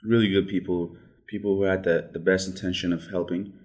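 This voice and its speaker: A young Ethiopian man whose first language is Amharic speaks as a guest in a relaxed interview conversation. His voice is very low and deep. He talks haltingly, with frequent restarts and fillers.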